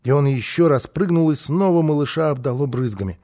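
A man narrating a children's storybook aloud in a lively, expressive manner. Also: fairly high pitch, fairly quick.

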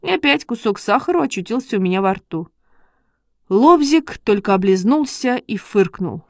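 A woman narrating a children's story in a lively storytelling manner. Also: medium pitch, normal speed, no room sound, clean studio sound. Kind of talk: storybook reading.

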